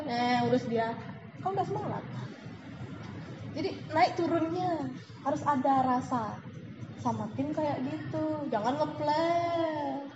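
High-voiced woman giving a lively sales talk. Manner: lively, animated, acts out examples. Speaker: sales team leader. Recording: echoey room, dull lo-fi, noisy.

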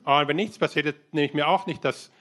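A man interpreting a sermon live, translating quickly with frequent filler sounds. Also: on the high side, a bit bright. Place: church hall.

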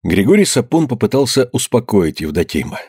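Male narrator, audiobook, husky tone, dry close sound, measured. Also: lowish voice, big pitch swings, darkish tone, dry recording.

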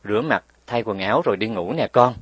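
A man voicing a tender but firm mother who explains patiently and scolds gently, in a raised voice. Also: fairly low pitch, lively intonation, quick pace, breathy edge, no room sound.

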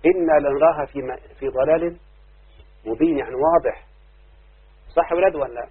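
A man with an Egyptian accent teaching an Arabic grammar lesson, often checking whether his students have understood and slowly chanting verses. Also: on the high side, slightly rough. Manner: keeps asking students if they understood. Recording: muffled lo-fi phone-like lesson recording.

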